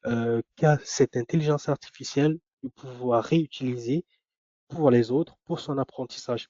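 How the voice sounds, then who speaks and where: A man giving a webinar presentation, explaining points step by step and often pausing on fillers and restarts. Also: medium pitch, warm tone, no room sound. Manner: hesitant, many fillers and restarts. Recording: dry, dull lo-fi sound.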